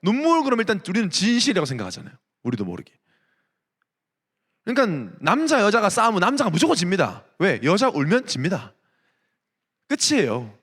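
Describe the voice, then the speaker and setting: A man's voice: sits high, long reverb tail. A male pastor preaching a sermon to young adults, telling stories and firing off rhetorical questions. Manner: animated storytelling with rhetorical questions. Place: church sanctuary.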